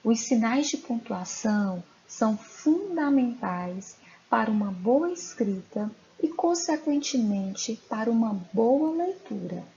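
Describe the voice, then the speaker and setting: A woman teacher giving a recorded lesson to young pupils, speaking slowly and clearly and asking them questions. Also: on the high side, lively intonation, warm tone. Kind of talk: recorded online class lesson. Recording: dull lo-fi recording, faint noise.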